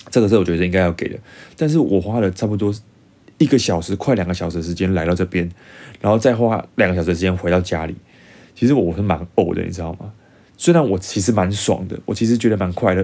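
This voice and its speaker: Young man, Taiwanese Mandarin accent, low voice, animated casual storyteller. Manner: animated, acts out dialogue in changed voices. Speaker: vlogger.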